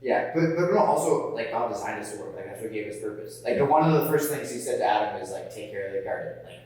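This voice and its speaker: A man's voice: mid-range voice, expressive, a little mellow. A young man co-hosting a podcast, chatting casually and teasing his friends. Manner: joking, quick to tease. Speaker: podcast co-host. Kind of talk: casual chat. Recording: echoey room, far from the mic, faint hum.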